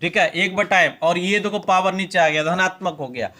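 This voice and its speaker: A male physics teacher with a Bihari Hindi accent lectures his class in a high-pitched, sharp voice at a moderate pace. He runs a hands-on demonstration and coaxes the students into repeating terms aloud.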